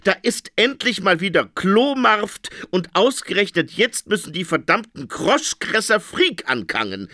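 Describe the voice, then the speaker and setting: A man's voice: high-pitched, sing-song, a little slow, hardly any pauses, pushed and bright, no room sound, clean studio sound, pitched above the performer's own voice, exaggerated voice. A man voicing a fussy, moody male phoenix king in a storybook reading, with theatrical exclamations and sighs. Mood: grumbling.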